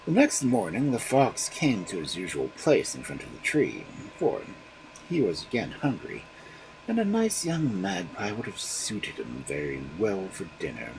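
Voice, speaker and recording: A male storyteller reads fairy tales aloud on a livestream. His telling is dramatic and expressive, and his pitch rises and falls widely. A faint hiss sits behind him. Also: unhurried, creaky. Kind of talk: fairy-tale reading on a livestream.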